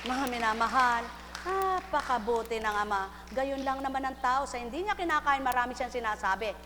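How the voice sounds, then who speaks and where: A woman preaching a live sermon, fervent and full of refrains, moving from soft confession to loud exhortation. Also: sits high, lively intonation, normal speed. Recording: hall reverb, faint hum.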